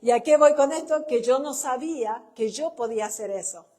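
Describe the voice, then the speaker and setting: A woman's voice: high-pitched, brisk, mellow. A middle-aged woman with a Chilean accent, a pastor's wife giving a conversational sermon through personal stories, often tagging her sentences with a questioning "no?". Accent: Chilean Spanish. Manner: anecdotal, tags sentences with "¿no?", laughs at own stories. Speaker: pastor's wife and church speaker.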